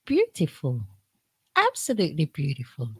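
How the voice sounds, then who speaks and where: A woman with a South London accent hosting a radio show, gushing warmly with praise in casual interview chat. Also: deep voice, wildly swooping pitch, normal speed, breathy edge, dry recording.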